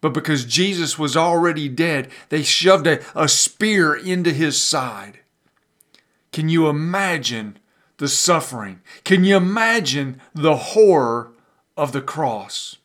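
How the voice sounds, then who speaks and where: A pastor's sermon comes in a slightly high, somewhat bright voice with lively intonation. He leans on dramatic pauses for emphasis and now and then repeats words to hammer a point.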